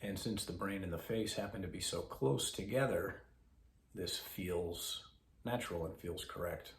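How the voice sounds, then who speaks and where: A man with a low, deep voice guides a meditation, slow and calm, pausing often between instructions. His voice rings in an echoey room over a faint background hiss. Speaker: mindfulness instructor.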